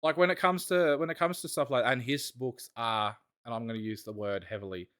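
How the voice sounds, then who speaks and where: A man's voice: mid-range voice, fairly even intonation, fairly quick, fairly bright tone, smooth. Rambling, enthusiastic podcast co-host, man. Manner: rambling, enthusiastic, trails off and restarts. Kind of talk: casual podcast chat.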